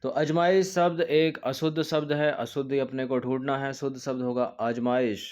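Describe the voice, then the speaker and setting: A man's voice: medium pitch, steady tone, normal speed, darkish tone. A male coaching teacher walking through an exam test paper, explaining each answer step by step and repeating key points. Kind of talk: test-paper walkthrough lesson.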